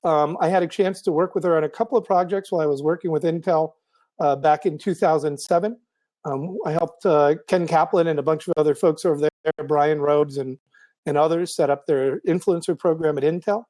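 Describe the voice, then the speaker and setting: A man hosting a live video show, thinking aloud in a casual monologue with many ums and restarts, his voice going hoarse. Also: fairly high pitch, fairly even intonation, a little fast, mellow. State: losing his voice.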